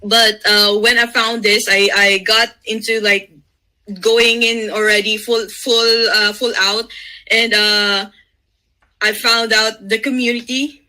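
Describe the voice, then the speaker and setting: A woman from the Philippines with a Visayan accent and Bisaya as native language, giving an informal personal testimonial in halting, hesitant phrases. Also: a little high, little pitch movement, bright, forceful tone, poor audio. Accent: Filipino, Visayan. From Davao City, Philippines. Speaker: guest sharing a testimonial. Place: video call.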